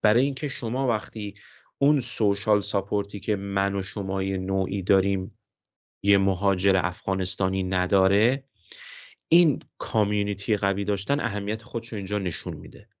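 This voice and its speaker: Man, thirties, social psychologist guest, explains through examples, lower voice, muffled lo-fi sound. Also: fairly even intonation. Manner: explains with examples, self-corrects. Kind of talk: explanatory interview talk.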